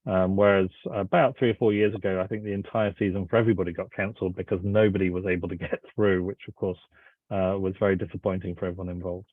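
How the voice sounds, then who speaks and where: A man answering questions as a company representative, informal and halting in his delivery. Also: deep voice, flat delivery, dry recording. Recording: thin phone-like line.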